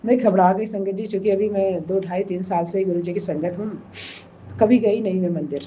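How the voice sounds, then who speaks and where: A hoarse woman giving an emotional personal testimony, speaking slowly and softly in a pleading way. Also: mid-range voice, dull audio, slight background noise. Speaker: devotee sharing a testimony.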